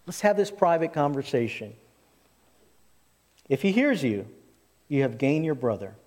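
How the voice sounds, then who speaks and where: A man's voice: medium pitch, sing-song, measured pace, a little mellow. A man preaching as a pastor at a pulpit microphone, conversational yet emphatic, repeating phrases and putting rhetorical questions to his listeners. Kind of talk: sermon, expository Bible preaching. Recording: reverberant hall, long echo.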